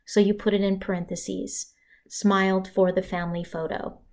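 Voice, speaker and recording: Flat in delivery and a little mellow, a woman's mid-range voice teaches punctuation in a recorded slide lecture. The writing instructor talks conversationally, with casual asides and dramatic pauses for emphasis.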